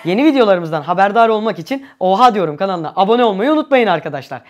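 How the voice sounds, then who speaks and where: A man's voice: high-pitched, expressive, very fast, slight background noise. A young man casually presenting an experiment show to camera as its host. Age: young adult. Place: indoor living-room style set on a couch.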